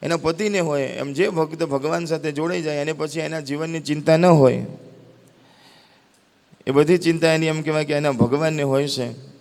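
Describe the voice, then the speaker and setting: Gujarati male preacher, gravelly voice, dramatic story sermon in a big echoing hall. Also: fairly high pitch, normal speed, darkish tone. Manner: acts out characters' cries and pleas with rising intensity. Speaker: spiritual storyteller. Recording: long hall reverb with faint sitar music.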